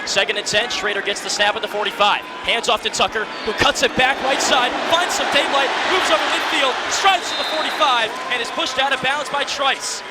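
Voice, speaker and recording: This young man, in his early twenties, is a radio play-by-play announcer calling college football live. He speaks in a very high voice at normal speed with few pauses, using short, vivid, present-tense phrases. A stadium crowd and heavy background noise fill the recording.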